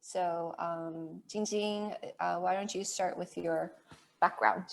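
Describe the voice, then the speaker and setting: A woman in her forties hosting a casual podcast conversation, chatty and quick to laugh. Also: on the low side, fairly even intonation, gravelly, low-quality recording. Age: 40s. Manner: chatty, laughs easily, uses lots of fillers. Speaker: podcast host. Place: home in Maine, US.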